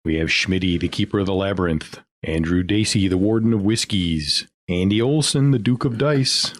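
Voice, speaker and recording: Male podcast host, low voice, playful announcer reading shout-outs, dry close mic. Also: moderate pace, no echo.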